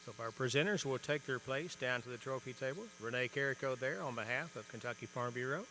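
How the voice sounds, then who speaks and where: A man's voice: medium pitch, quick pace, bright, forceful tone, a little hiss or hum. A man announcing livestock show champions at ringside, formal in tone and drawing out the winners' names for emphasis.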